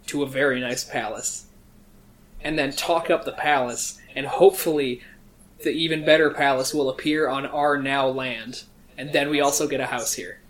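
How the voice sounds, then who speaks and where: A man playing in a tabletop game in casual chat, loud and playful, riffing on jokes. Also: a little high, poor audio.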